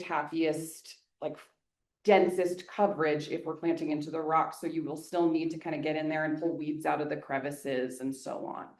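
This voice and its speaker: A woman landscape designer giving an energetic, joking talk at a neighborhood meeting, then answering audience questions. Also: sits low. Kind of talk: public presentation with audience Q&A. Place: meeting hall. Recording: echoey hall.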